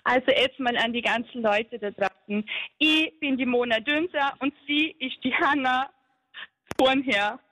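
A woman's voice: high voice, unhurried, a bit bright, dry recording, rough recording. A woman calling a radio show, crying and upset as she protests. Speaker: caller. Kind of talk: emotional call to a radio show.

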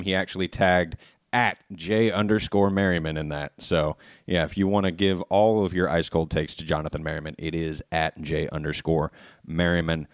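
A man co-hosting a podcast, reading out fan questions in a playful, upbeat way with quick asides. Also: sits low, dry recording, studio quality. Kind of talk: casual podcast chat.

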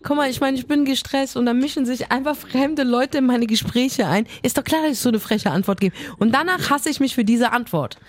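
A woman co-hosting a podcast, telling stories in an emphatic, fiery way in casual chat. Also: high-pitched. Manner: fiery storytelling, quick, emphatic. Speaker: podcast co-host.

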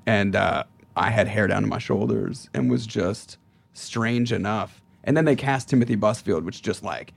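Husky, gravelly actor in his forties, swapping stories in easy conversation. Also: on the low side, moderate pace. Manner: animated storyteller, acts out quotes. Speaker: actor guest. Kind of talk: casual podcast chat.

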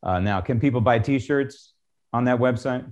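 A man's voice: mid-range voice, moderate pace, a little mellow. An American man hosting a political talk show, addressing his audience in an emphatic, exhorting opinion style that repeats its points.

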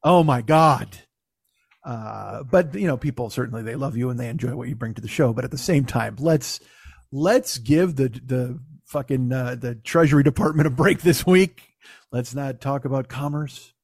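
A man hosting a podcast with a hoarse, gravelly voice as if gargling broken glass, ranting casually and comically with swearing and self-mockery. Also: mid-range voice, moderate pace, no room sound, clean studio sound. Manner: ranting, foul-mouthed, self-deprecating. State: hoarse after losing voice. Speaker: podcast host. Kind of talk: casual comedic monologue.

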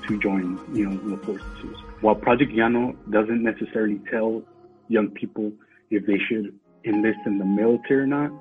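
A man's voice: lowish voice, narrow, tinny audio. A man, a community organizer, speaking earnestly in an interview. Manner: earnest, with frequent fillers and restarts.

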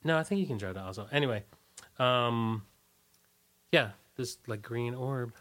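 A musician appears as an interview guest, telling anecdotes casually in loose, fragmented bits sprinkled with "like." His voice is a bit bright, medium in pitch, at a normal speed.

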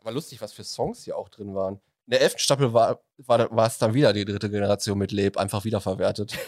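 A man's voice: on the low side, fairly even intonation, fast, a little mellow, no room sound, clean studio sound. A man co-hosting a podcast in casual chat, reading out prepared trivia with frequent fillers. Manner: prepared, reads out facts with fillers. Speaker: podcast co-host. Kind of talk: casual chat, quiz-style facts.

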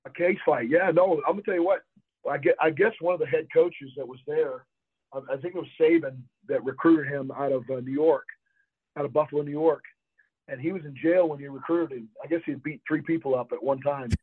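A man's voice: on the high side, brisk, slightly rough, no echo. An older man from Florida, a former college football player, telling rambling anecdotes in an interview and laughing often. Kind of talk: interview storytelling. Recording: tinny phone-line sound, dry.

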